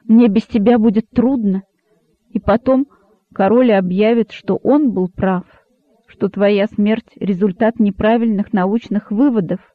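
A man reading an audiobook, voicing an excitable young rabbit who pleads and exclaims. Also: sits high, a little slow, no echo. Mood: alarmed. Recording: dry, narrow phone-like sound.

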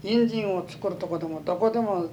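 A man's voice: sits high, quick pace, warm tone, highs cut off, slight background noise. An elderly man from Japan with a western Japanese accent, telling his life story as an interviewee in a folksy way, often repeating himself. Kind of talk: oral history reminiscence.

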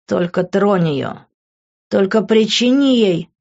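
A woman's voice: mid-range voice, animated, slow, gravelly, a little mellow, heavily acted. Woman reader as a jealous young male lead, snappy and tense, audiobook voice, muffled lo-fi. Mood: furious. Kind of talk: audiobook character reading.

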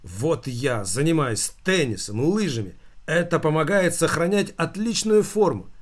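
A man's voice: a little high, expressive, unhurried, voice pushed up. Man doing a fussy, boastful office woman. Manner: fussing, boastful. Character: fussy sporty middle-aged woman employee.

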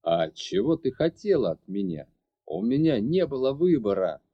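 A man voicing a brooding young mage who insists on justifying himself, low and heavy. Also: big pitch swings, moderate pace, lo-fi sound. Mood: bitter. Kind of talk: audiobook character voice.

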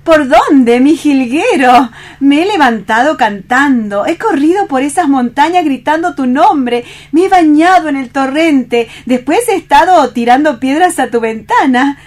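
A woman's voice: high-pitched, lively intonation, measured pace, hardly any pauses. A woman reading the part of a playful, affectionate young woman in love in a radio play, with a Spanish accent from Spain and a lilting, teasing delivery. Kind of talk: read radio theatre.

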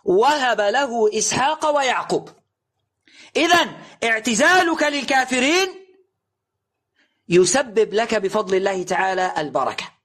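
A man delivers a recorded religious lesson. His voice sits very high for a man and rings bright and forceful. He presses his points with rhetorical questions and emphatic recitation. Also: animated, normal speed, pauses often. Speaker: preacher.

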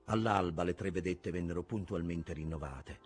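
A man narrating a novel as an expressive, measured dramatic reading. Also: deep voice, slightly rough, faint music behind. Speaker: audiobook narrator.

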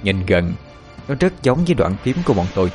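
A man narrates a horror tale in a low voice with a southern Vietnamese accent. The reading is scripted and dramatic, set over quiet music. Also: very animated, brisk. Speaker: storyteller. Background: faint music.

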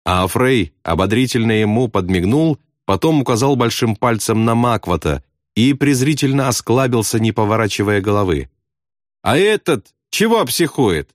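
A man's voice: on the low side, normal speed, no echo. Man reading a novel aloud, dry. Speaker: narrator. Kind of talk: audiobook narration.

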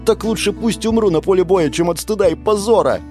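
A man's voice: high voice, a little fast, pitched above the performer's own voice, natural voice. Man voicing a terrified young tree demon. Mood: defiant. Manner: trembling, shouting, close to tears. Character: frightened young male tree demon, desperate and defiant. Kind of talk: audiobook character voice. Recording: guitar music underneath.

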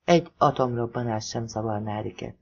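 A narrator from Hungary reading a thriller novel aloud in an expressive audiobook style. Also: mid-range voice, vocal fry, highs cut off.

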